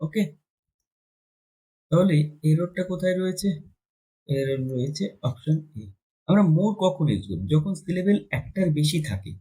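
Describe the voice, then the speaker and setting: A male English teacher leads an exam-prep grammar lesson step by step, asking and answering his own questions and switching between Bengali and slowly dictated English. His high voice is warm with lively intonation, on a rough recording.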